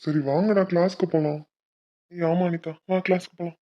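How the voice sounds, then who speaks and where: One person voicing several characters in an animated cartoon, pleading, teasing and scolding in turn. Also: medium pitch, fairly quick, muffled recording. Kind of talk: animated Tamil cartoon voice acting.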